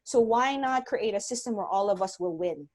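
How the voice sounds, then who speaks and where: An environmental scientist appears as a guest speaker on a video-call webinar, giving an earnest, conversational talk. Her mid-range voice is a little mellow, with lively intonation and normal speed.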